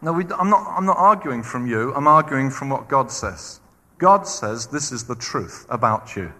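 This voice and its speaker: A man's voice: medium pitch, moderate pace, long reverb tail. A man preaching a sermon, acting out quoted voices as he goes. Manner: animated, acts out quoted voices.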